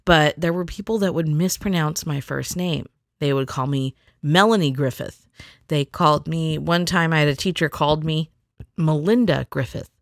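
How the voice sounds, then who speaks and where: A woman's voice: sits low, moderate pace, no room sound, clean studio sound. A middle-aged woman telling a rambling personal story in a chatty, casual way, acting out the people she quotes.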